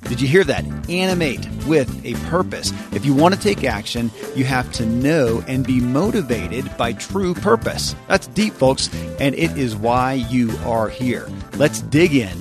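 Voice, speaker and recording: A man's voice: mid-range voice, animated, measured pace, music in the background. A man hosting a motivational show, speaking earnestly and emphatically straight to listeners. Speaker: podcast host.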